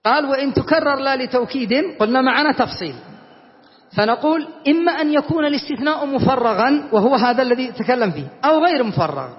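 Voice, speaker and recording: A man teaching a classroom grammar lesson, often quizzing his students and reciting verses slowly and deliberately. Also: extremely high pitch, animated. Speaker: teacher explaining Arabic grammar. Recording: lo-fi, reverberant classroom recording.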